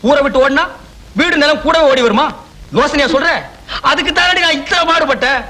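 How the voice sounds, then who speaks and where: A whiny sneaky fake holy man, super high voice, bright and wailing. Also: a little fast. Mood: panicky. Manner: whiny, theatrical, panicky wailing. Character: scheming cowardly male village trickster, middle-aged. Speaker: village con man posing as a holy man. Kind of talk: 1980s film comedy acting.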